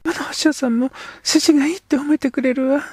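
A man doing a young edo girl, breathy and earnest. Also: extremely high pitch, fairly even intonation, quick pace, darkish tone, no room sound, studio quality, voice pushed up. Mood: pleading, earnest. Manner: pleading, breathy half-whispers. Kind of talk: audiobook character voice.

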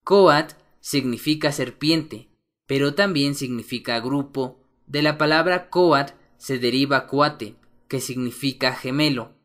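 A man gives a language lesson in a slow, unhurried delivery and a middle-pitched voice. He spells out letters and sounds with care. Each word comes with a plain explanation. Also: a bit bright. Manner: slow, careful enunciation of vocabulary. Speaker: language teacher.

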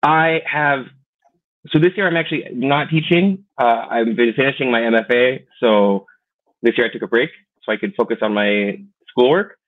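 Goofy and talkative, an American guest in his thirties, who works as a teacher and clown, tosses out quick asides during a relaxed video call interview. His medium-pitched voice, picked up by a webcam in a small room indoors, sounds tinny, like a phone line.

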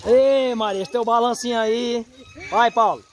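High-voiced excitable man. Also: unhurried, slight background noise. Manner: excitable, shouts cheerfully, praises God. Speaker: YouTuber and pastor. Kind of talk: casual vlog narration. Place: outdoor water park.

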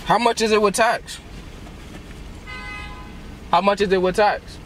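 A man's voice: sits high, steady tone, a little slow, a bit bright. A young adult man chatting casually and rambling in slang as a prankster customer at a drive-through, recorded inside a car. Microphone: handheld camera in the car. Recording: noisy car interior.

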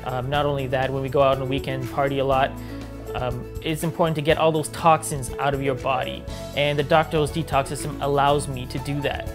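A man's voice: mid-range voice, little pitch movement, fairly quick. A young adult man giving an unscripted customer testimonial. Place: living room indoors. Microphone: lapel. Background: music.

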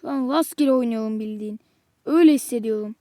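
A woman's voice: a little high, fast, mellow, no room sound. A woman giving exasperated live commentary while playing a football video game, muttering to herself and snapping at the game. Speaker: gamer.

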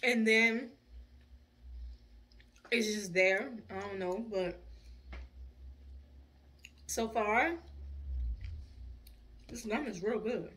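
Older woman, snack reviewer, bright tone, chatty and laughing, chewing gum as she talks. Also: mid-range voice, drawn-out words, pauses often. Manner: chatty, laughs easily, talks to viewers as y'all. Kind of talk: casual chat.

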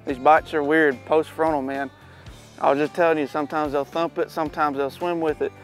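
A man in his thirties, hosting a fishing show, talks casually while fishing from a boat on a pond, easygoing and now and then excited. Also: on the high side, brisk, soft background music. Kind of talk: casual on-the-water fishing instruction.

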